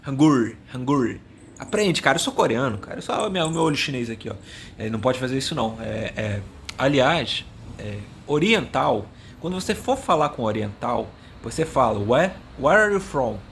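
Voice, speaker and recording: A man's voice: medium pitch, lively intonation, fairly quick, creaky, a bit bright, slight background noise. A man hosting a casual comedic language video. He rambles, mocks himself, and keeps stumbling over words he can't remember. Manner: rambling, self-mocking, stumbles and searches for words.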